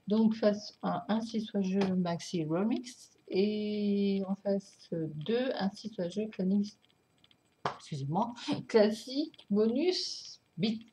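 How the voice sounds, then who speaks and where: A woman speaks slowly in a soft, mellow voice, full of fillers and little apologies as she shows off her records. She gets excited and laughs often, her voice drifting near and far from the camera mic. A faint hiss sits under the recording. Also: medium pitch. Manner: hesitant, many fillers and apologies. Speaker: record collector showing vinyls. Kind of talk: casual unboxing vlog.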